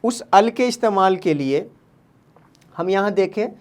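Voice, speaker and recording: Man slowly spelling out words. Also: high voice, animated. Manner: spells letters aloud, repeats words, asks and answers his own questions. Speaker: Urdu teacher. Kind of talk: slow spelling-out lesson for children.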